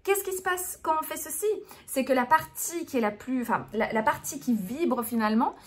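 A woman's voice: high voice, expressive, normal speed. Woman explaining voice technique. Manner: hesitant, many fillers and restarts. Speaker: speech therapist. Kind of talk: explanatory lesson.

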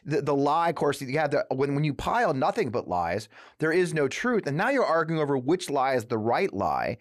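A man hosting a political talk show, sardonic and quick to laugh, often repeating words as he talks. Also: fairly high pitch, very animated, dry recording, clean studio sound. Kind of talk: casual political chat.

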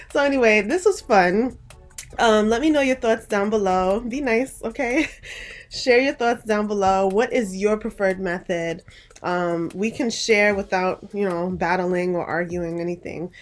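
A woman's voice: mid-range voice, measured pace. A woman vlogger talking casually to the camera, rambling with restarts, a little out of breath. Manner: rambling, chatty, many restarts and fillers.

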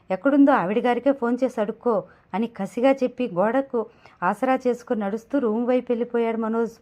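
A woman narrates a serialized audio novel, reading in an expressive storytelling way. Her voice sits somewhat high. The recording is dull and lo-fi.

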